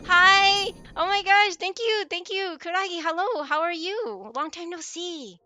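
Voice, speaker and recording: A woman live streamer chatting casually in a cute, bubbly anime-streamer manner with excited swoops, greeting people online. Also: very high voice, measured pace, no echo. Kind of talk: casual livestream chat. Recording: music playing behind the voice. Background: background music.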